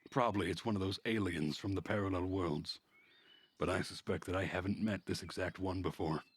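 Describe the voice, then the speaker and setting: Reading a visual novel's narration as a story, a man speaks in a measured, introspective manner. His voice is very low with a husky grain, captured in a close, dry recording with no room on it.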